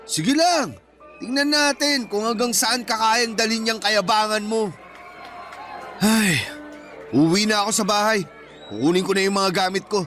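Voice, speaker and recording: Worn out by years of providing for his family, a bitter older brother in his thirties speaks with grim resolve in this radio drama, music playing beneath and a faint crowd audible. He is Filipino-accented, with a bright voice pitched very high for a man, and his unhurried lines carry long pauses, emotional, hurt and indignant.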